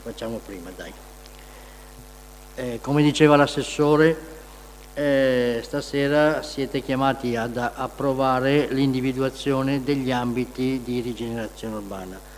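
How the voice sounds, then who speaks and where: A man's voice: medium pitch, measured pace. Masked man explaining in a reverberant hall. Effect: voice through a face mask. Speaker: municipal engineer presenting to a town council. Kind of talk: formal technical explanation at a public meeting. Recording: noisy, reverberant meeting hall.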